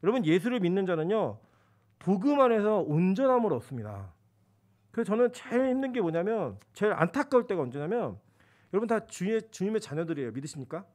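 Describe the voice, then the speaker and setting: Lively high-voiced male pastor preaching. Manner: conversational preaching, acts out quoted voices. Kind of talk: sermon. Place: church sanctuary.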